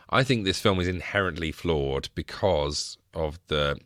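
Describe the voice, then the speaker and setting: A man's voice: sits low, slow pace, a bit bright, no room sound, clean studio sound. A man chatting as a guest on a film podcast, wry and apologetic, often chuckling. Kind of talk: casual podcast chat.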